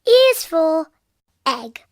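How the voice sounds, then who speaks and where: A performer voicing a cheerful, giggly little piglet girl in a cartoon, reciting letters in a slow, sing-song way. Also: very high voice, big pitch swings, heavily acted. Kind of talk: cartoon voice acting, reciting the alphabet.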